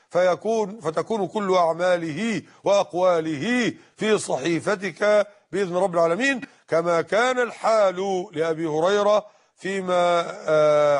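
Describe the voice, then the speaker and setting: A man with an Egyptian accent giving a religious lesson, correcting pronunciation and admonishing his listeners. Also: high-pitched. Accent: Egyptian Arabic. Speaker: religious teacher. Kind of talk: religious lesson explaining hadith.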